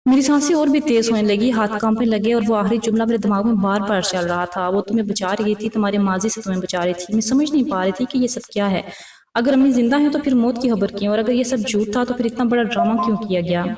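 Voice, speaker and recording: A woman's voice: fairly high pitch, a little mellow. A woman narrating a dramatic first-person story with emotional delivery. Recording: roomy, distant mic.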